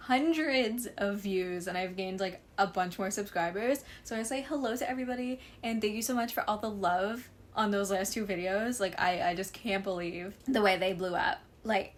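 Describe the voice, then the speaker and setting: A woman's voice: mid-range voice, normal speed, few pauses, a little hiss or hum. A young woman, chatting casually about books she read, full of fillers, her voice a little sore. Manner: chatty, gushing, many fillers like "like". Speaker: book vlogger. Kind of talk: casual book review chat.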